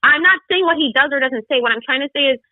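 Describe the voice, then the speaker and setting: Speaking quickly in a high-pitched voice, this podcast co-host from the United States comes across as earnest and emphatic in a casual conversation. The recording has no room sound and a thin, phone-like quality.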